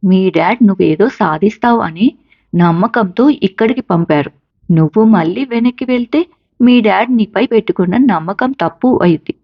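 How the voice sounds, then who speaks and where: A woman's voice: mid-range voice, moderate pace, vocal fry, dry recording, lo-fi sound. A woman voicing a caring mother who patiently encourages her college-age son. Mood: encouraging. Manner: patient, coaxing, reassuring.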